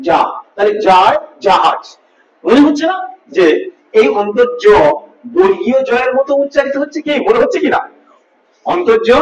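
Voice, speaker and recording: A man teaching grammar in a classroom style, repeating sample words slowly and quizzing his listeners. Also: very high voice, recorded from a distance. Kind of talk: classroom-style lesson with board writing. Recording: echoey room miked from afar, faint hiss.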